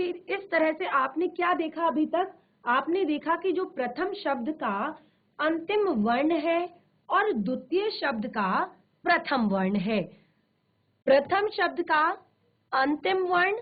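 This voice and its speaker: Slow, high-voiced woman teacher, phone-thin sound. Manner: slow, repetitive, asks questions then answers them herself. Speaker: Hindi teacher. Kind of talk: virtual classroom grammar lesson. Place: studio for broadcast classes. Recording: narrow phone-like band.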